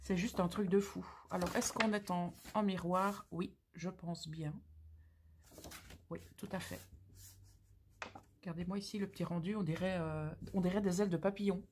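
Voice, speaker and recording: A woman's voice: lowish voice, slight background noise. Gushing woman hosting a craft unboxing. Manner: gushing, exclamatory, slangy. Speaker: craft channel host. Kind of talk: casual unboxing commentary.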